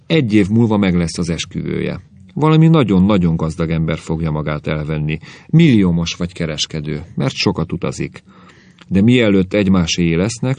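A man's voice: low-pitched, vocal fry, a little mellow, dry recording. A man voicing a sly old fortune-teller woman. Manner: solemn, dignified.

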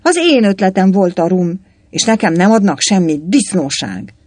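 A man's voice: high voice, sing-song, dry recording, pitched above the performer's own voice. A man voicing a disgruntled male soldier who whines and grumbles in a storybook reading. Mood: indignant. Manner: whining and grumbling.

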